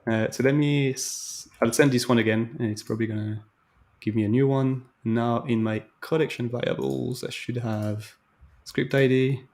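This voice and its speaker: A man hosting a live stream walks through code casually over a video call, thinking out loud in a chatty, tentative way. His voice is medium-pitched and somewhat dark, with fairly even intonation and a moderate pace.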